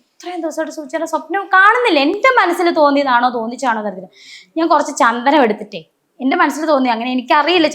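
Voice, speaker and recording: A woman in an emotional personal interview, telling stories and acting out the voices of the people in them, often stopping to correct herself. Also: sits high. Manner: animated storytelling, acting out quoted voices; frequent restarts and self-corrections.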